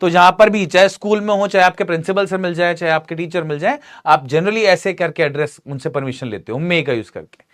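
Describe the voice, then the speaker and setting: A man teaching a grammar lesson in a lively, joking way, often asking his students questions. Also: high-pitched, fairly quick, hardly any pauses.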